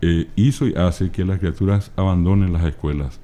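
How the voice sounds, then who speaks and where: Soft music plays behind a middle-aged Guaraní language scholar from Paraguay as he gives explanatory answers as an interview guest. He has a Paraguayan Spanish accent and a very low, dark, mellow voice, patiently taking words apart and spelling out their forms slowly, teacher-style.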